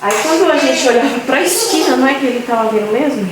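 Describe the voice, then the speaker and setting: A woman's voice: sits high, expressive, fast talker, noisy background. A woman, a vlogger chatting casually to her viewers and telling a personal story. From Brazil. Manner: chatty, keeps addressing viewers as "gente". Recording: very echoey room, far from mic, loud kitchen clatter.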